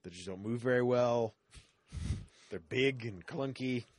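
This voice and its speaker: A man's voice: mid-range voice, measured pace, no room sound, studio quality. A man bantering casually and joking, often slipping into silly voices. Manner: jokey, slips into silly voices. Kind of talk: casual comedic chat.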